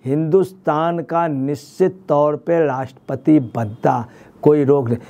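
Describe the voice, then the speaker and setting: Gravelly-voiced male political commentator. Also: fairly high pitch, unhurried, mellow. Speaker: senior journalist, political analyst. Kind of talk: news studio political commentary.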